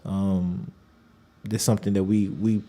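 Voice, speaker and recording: A man with a fairly low voice in a conversational interview. He sounds reflective and colloquial, circling back over his phrases as he works through a thought. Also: flat delivery, measured pace, warm tone. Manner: reflective, colloquial, repeating phrases, frequently affirming.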